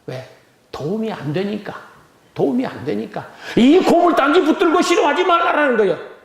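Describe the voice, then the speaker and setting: A man's voice: extremely high pitch, sing-song, moderate pace, gravelly, reverberant. A male pastor preaching a Sunday sermon, emphatic, with rhetorical questions and phrases repeated for emphasis. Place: church sanctuary.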